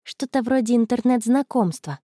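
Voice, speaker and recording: A woman's voice: on the high side, animated, moderate pace, dark tone, no room sound, studio quality. Anna, a woman reading a secretive young schoolgirl. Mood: playful.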